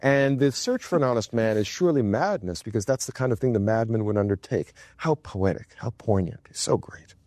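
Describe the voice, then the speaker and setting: A man giving a university philosophy lecture, expressive and wry, chuckling mid-sentence and dropping low and slow for emphasis. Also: dry recording.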